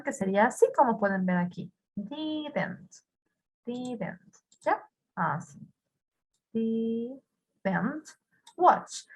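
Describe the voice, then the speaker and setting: A woman teaching an English grammar lesson, patiently repeating words and quizzing her students. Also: fairly high pitch.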